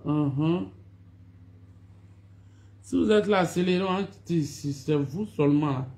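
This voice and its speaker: A woman's voice: sits low, takes it slowly, warm tone. Actress, live-stream chat, scolding and complaining to her fans. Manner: scolding, complaining, repeats greetings and "my dears" to viewers.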